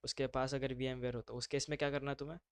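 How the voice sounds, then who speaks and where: A man's voice: medium pitch, little pitch movement, rapid-fire, clear, resonant tone, no room sound, studio quality. A man teaching a live online class, talking casually and mixing in English terms. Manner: casual, brotherly, mixes English terms into speech.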